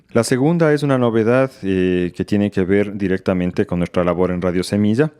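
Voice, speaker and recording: A man hosting a podcast, reading announcements and interviewing a guest in a calm, measured way. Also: deep voice. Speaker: podcast host.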